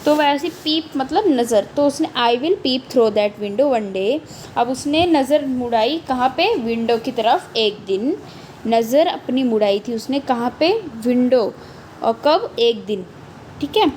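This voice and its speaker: Slow, high-voiced young woman teacher. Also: animated, darkish tone, slight background noise, low-quality recording. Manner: explains slowly, reads lines aloud, repeats meanings. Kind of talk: line-by-line poem lesson.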